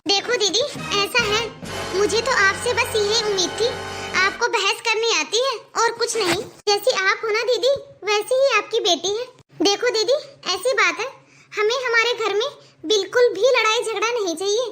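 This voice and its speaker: Cartoon aunt, sharp and lecturing, very high and bright, a woman doing it. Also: moderate pace, soft background music. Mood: scolding. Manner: lecturing, blunt. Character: sharp-tongued scolding woman, the girl's aunt by marriage. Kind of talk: cartoon voice acting.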